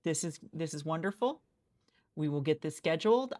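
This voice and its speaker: In a friend's office, a woman does a soft-spoken ASMR roleplay as a hiring manager, chatting and rambling with lots of restarts. Her voice is low and animated, and she keeps a moderate pace.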